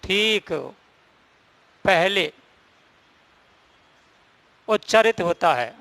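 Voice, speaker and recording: A man teaching a grammar class in a high, clear and crisp voice. He explains each rule step by step and stresses the key points, recorded close and dry with no room echo. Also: expressive, drawn-out words, pushed and bright. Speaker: Hindi teacher.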